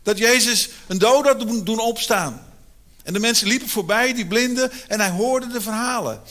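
A male preacher giving a sermon in a church, telling a Bible story in an animated way. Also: very high-pitched, normal speed.

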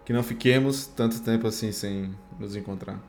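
A man's voice: fairly low pitch, fairly even intonation, brisk, darkish tone, faint music behind. A man with a Brazilian Portuguese accent, co-hosting a casual podcast, playful, swearing casually and quizzing the others. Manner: playful, swears casually, poses quiz questions. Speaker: podcast co-host. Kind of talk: casual chat.

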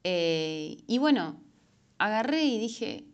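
A woman's voice: medium pitch, very animated, slow pace, smooth, highs cut off. A young woman with a Rioplatense Spanish accent, chatting casually to camera about everyday habits, with lots of fillers and self-corrections. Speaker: self-help vlogger. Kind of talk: casual advice monologue.

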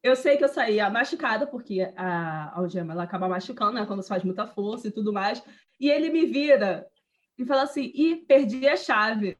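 A woman telling a personal story in casual chat, animated and slangy, laughing as she talks. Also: medium pitch, brisk.

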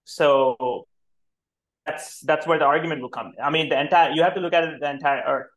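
Male guest, 30s, slightly high voice, rambling and argumentative, heavy on fillers. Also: a little fast, fairly bright tone, rough recording. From India. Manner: hesitant, full of fillers, argumentative. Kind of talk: casual discussion.

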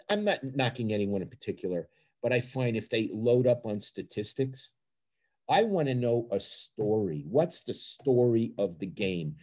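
A man's voice: lowish voice, a little mellow. An older man with a Brooklyn accent answering interview questions as a sports journalist, with emphatic repetition and short punchy phrases.

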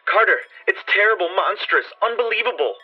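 A man voicing a bold male occult explorer with a mellow tenor voice who speaks with urgent earnestness. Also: mid-range voice, fairly even intonation, fairly quick, highs cut off, close to an everyday voice. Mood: terrified.

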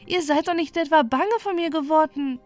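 A woman's voice: high-pitched, moderate pace, dry recording, soft background music, pitched above the performer's own voice, lightly acted. A woman voicing a sweet, innocent young marsh princess in a storybook. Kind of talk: storybook reading.

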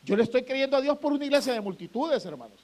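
High-voiced man preaching a sermon. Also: lively intonation, a little mellow. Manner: preaching with swelling emphasis and drawn-out phrases. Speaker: pastor.

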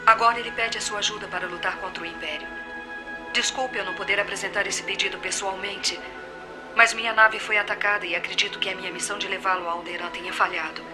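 A woman's voice: medium pitch, fairly even intonation, fast, music in the background, lightly acted. A woman voicing a pleading young princess. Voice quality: earnest, formal and pleading. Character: young princess sending a desperate recorded plea. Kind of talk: dubbed film dialogue. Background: film score.

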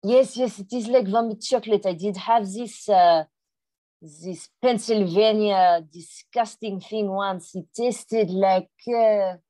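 A woman's voice: mid-range voice, slow, warm tone, lightly acted. A woman playing a haughty French pastry maker in an improvised comedy sketch, hesitating with many fillers.

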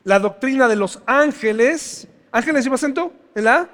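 Male pastor with a high voice and a conversational sermon manner, recorded in a reverberant church. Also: lively intonation, normal speed, fairly bright tone. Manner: conversational, asks the congregation questions.

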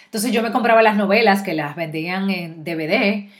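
Chatty Dominican actress, animated. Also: female voice, medium pitch. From Dominican Republic. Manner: animated and chatty, with quick restarts. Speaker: actress, interview guest. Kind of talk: casual interview chat.

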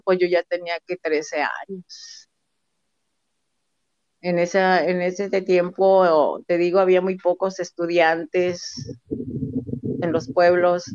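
A woman's voice: fairly low pitch, clear, resonant tone, no room sound, muffled recording. A woman with a northern Mexican accent casually telling stories from her own life in a colloquial, rambling way, acting out remembered dialogue. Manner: animated retelling, acts out remembered dialogue. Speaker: storyteller recalling own childhood. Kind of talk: casual oral life-story narration.

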